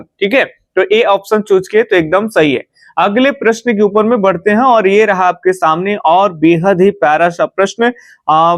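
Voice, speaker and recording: A man from India with a Bihari Hindi accent, teaching an exam-prep lesson in a brisk way, often pausing on drawn-out fillers and checking in with listeners. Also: sits high, dry recording. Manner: brisk, repeats "theek hai" and "fatafat se bataenge", drawn-out "a" fillers.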